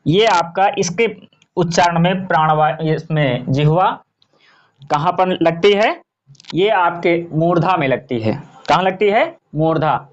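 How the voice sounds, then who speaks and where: Slow, drilling male grammar teacher. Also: sits high, a bit bright. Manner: asks a question, then answers it himself in drill fashion; spells out sounds and example words one by one. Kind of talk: grammar lesson.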